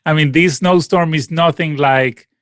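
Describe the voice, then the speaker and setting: A Venezuelan guest musician in his late forties, Spanish being his first language, answers a casual call interview in a rambling style, full of fillers and restarts. His voice is on the high side with a fairly bright tone, a little slow, and there's no echo.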